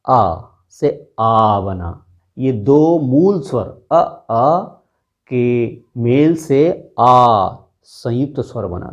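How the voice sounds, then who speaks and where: Slow, deliberate male Hindi teacher. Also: medium pitch, mellow, dull audio. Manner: slow and deliberate, stretching out sounds to demonstrate them. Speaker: teacher and channel host. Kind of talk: Hindi grammar lesson.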